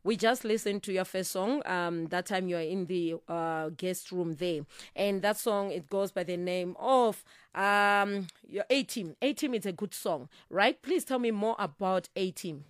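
A woman hosting a music interview, relaying her guests' answers to listeners and questioning them in a rapid, animated way. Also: mid-range voice, smooth, no room sound. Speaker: interview host.

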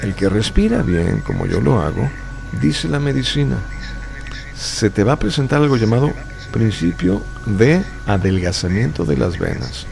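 Emphatic gravelly man on radio. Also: fairly low pitch, normal speed, faint music behind. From Chile, raised in Mexico. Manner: emphatic, lecturing, animated. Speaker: stage hypnotist guest. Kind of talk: radio interview chat. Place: radio studio booth.

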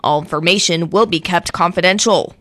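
A woman reading the local news and weather on the radio in a smooth, polished broadcast delivery from a script. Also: lowish voice, brisk, no echo. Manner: polished, even-paced read from script.

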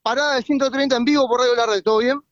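A man with an Argentine accent doing quick live street interviews for radio, firing short questions at passers-by. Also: very high-pitched, steady tone, a bit bright, no room sound, dull audio. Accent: Argentine Spanish. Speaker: street reporter.

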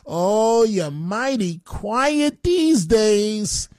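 A man's voice: high voice, very animated, extremely slow, dry recording. A male talk radio host talking in a slightly raised voice, opinionated and combative. He rambles with fillers between points. The sound is close and dry, with no room behind him. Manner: chatty, combative, with frequent fillers.

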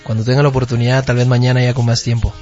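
A man's voice: medium pitch, little pitch movement, rapid-fire, darkish tone. A young man speaks as a guest in a radio studio booth, with a mid-range voice and an easygoing, friendly manner. The broadcast sound is slightly dull, and faint music plays underneath. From Guatemala. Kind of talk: casual radio interview. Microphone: studio microphone.

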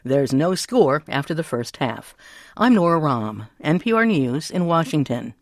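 A woman's voice: deep voice, big pitch swings, a little slow, no echo, studio quality. A woman working as a public radio host, reading scripted national news as a newscaster.

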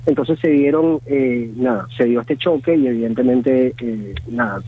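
A man in his thirties with a Venezuelan Spanish accent, calling in over a tinny phone line that thins his voice to a narrow band. His tone is husky, and he talks haltingly, with many fillers and restarts. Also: medium pitch. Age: 30s. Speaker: phone guest. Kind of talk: phone interview.

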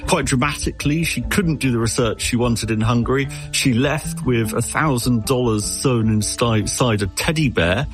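A man's voice: medium pitch, moderate pace, hardly any pauses, music in the background. A man answering an interviewer as an expert, explaining with analogies and often stumbling over repeated words. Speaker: expert guest.

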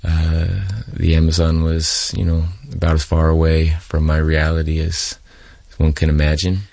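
Very deep, flat-voiced Californian man. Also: moderate pace, creaky, no echo. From California, USA. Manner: hesitant, with many ums and you-knows. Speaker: guest. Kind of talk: casual interview answers. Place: studio.

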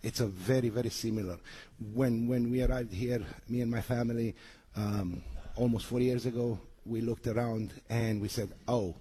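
A man from Romania talks as a radio interview guest, halting and full of hesitations. His voice is warm and a little husky. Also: medium pitch, steady tone. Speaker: guest, resort manager.

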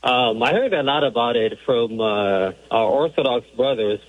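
A man phoning in to a radio show, his voice reaching the studio through a dull, muffled phone line. He sits at a middling pitch and hunts for his words, stopping on fillers as he asks his question. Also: moderate pace. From Georgia, USA. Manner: hesitant, many fillers. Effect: heard over a phone line. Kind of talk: call-in question.

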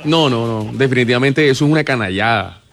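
A man's voice: medium pitch, lively intonation, quick pace, fairly bright tone. A man with a Coastal Colombian Spanish accent co-hosting a call-in radio show in blunt, slangy, insistent banter. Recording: music playing behind the voice. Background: music.

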